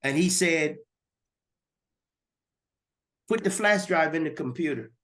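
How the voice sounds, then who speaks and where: A man's voice: on the high side, expressive, moderate pace, fairly bright tone. A man giving a personal testimony as a guest, earnest and repeating words as he goes.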